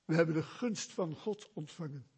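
A man preaching a sermon in a church, slow and emphatic, asking rhetorical questions. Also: fairly high pitch, a little mellow, breathy edge. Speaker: pastor.

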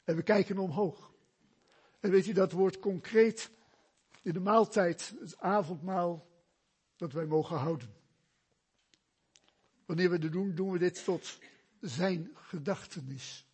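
A man preaching a sermon in a church, slow and emphatic, asking rhetorical questions. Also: high-pitched, a little mellow, breathy edge. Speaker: pastor.

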